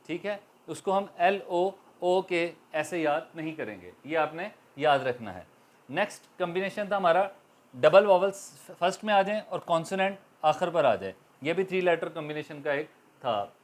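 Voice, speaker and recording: Man, high-pitched, Pakistani accent, patient teacher, repeats and stretches example words. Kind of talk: classroom grammar lecture.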